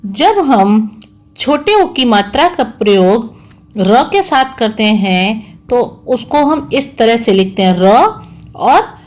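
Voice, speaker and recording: A schoolteacher leads an online Hindi lesson for young children in a high, animated voice. She goes slowly and patiently, carefully spelling out every sound and syllable and saying each word twice.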